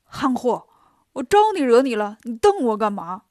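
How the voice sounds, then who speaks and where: A woman voicing a gruff old male fortune god who talks bluntly and grumbles. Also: a little high, big pitch swings, moderate pace, a little mellow, no room sound, studio quality. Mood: grumbling.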